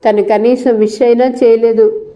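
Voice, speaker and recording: A woman voicing a cheerful but hot-tempered young male college student in a slightly lowered, eager voice, read from a storybook. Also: little pitch movement, normal speed, dark tone, natural voice.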